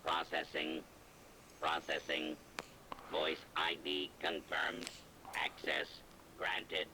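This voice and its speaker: An actor voicing a flat male bank computer that announces its processing in clipped, monotone lines. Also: extremely low pitch, takes it slowly, noisy background, full character voice. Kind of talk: video game voice line.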